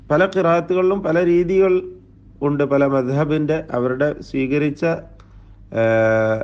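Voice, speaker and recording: A man teaching a recitation lesson, explaining terms slowly and drawing out the recited words. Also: mid-range voice, darkish tone, lo-fi sound. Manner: slow, deliberate explaining with drawn-out recited terms. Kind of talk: tajweed lesson lecture.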